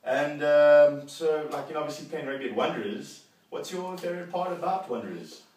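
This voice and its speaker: A man's voice: on the high side, a little fast, darkish tone. A young man with a South African accent, hosting a casual, jokey interview. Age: young adult. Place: living room, indoors. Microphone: far camera. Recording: very echoey room, distant microphone.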